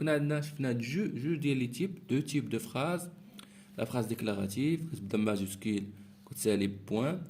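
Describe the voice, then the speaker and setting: A man teaching a grammar lesson, talking slowly and repeating phrases as he walks through exercises. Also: medium pitch, dark tone, slight background noise. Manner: slow, repeats phrases, mixes French with Moroccan Arabic words.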